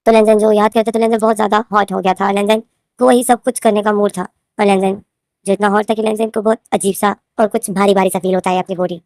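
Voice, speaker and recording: A woman with a sore throat, a fanfiction author narrating her own story, casually retells it to her viewers, rambling, repeating names and phrases, and calling them "guys." Her mid-range voice is level in tone, quick, and darkish. The studio recording is clean, with no echo.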